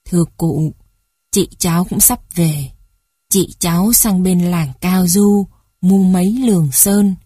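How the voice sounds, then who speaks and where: A woman's voice: lowish voice, takes it slowly, warm tone, breathy edge, no echo, clean studio sound. A woman voicing a polite young male schoolteacher who speaks formally and deferentially to an elder. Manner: deferential, courteous.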